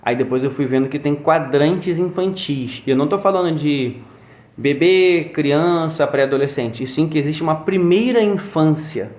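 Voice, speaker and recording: A man's voice: a little high, moderate pace. Man telling a story in a roomy space. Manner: animated, acts out sounds and quotes. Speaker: guest, father. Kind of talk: casual conversational storytelling. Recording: roomy echo.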